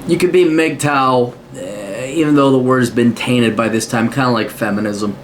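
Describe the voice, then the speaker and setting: An American man with a mid-range voice hosts a podcast, reading out a listener's letter and answering it bluntly in a casual, profane advice monologue. He swears often and puts on mocking voices for asides, speaking at a moderate pace over a slight hiss or hum.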